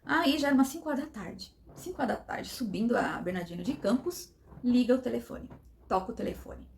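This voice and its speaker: A woman's voice: on the high side, animated, brisk, creaky, slight background noise. A middle-aged woman, telling a personal story with emotion and acting out the dialogue. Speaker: vlogger.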